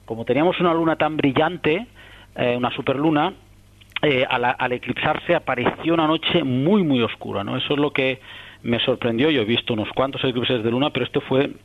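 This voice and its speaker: An astronomer from Catalonia, appearing as a guest, answers interview questions in a mid-range voice at a fairly quick pace. He's thoughtful but rambling, full of restarts and tag questions, and the audio sounds like a muffled radio broadcast.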